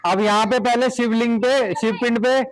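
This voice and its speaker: Male teacher, high voice, brisk repeated classroom instructions. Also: fairly even intonation, noisy background. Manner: directive, repeats short commands.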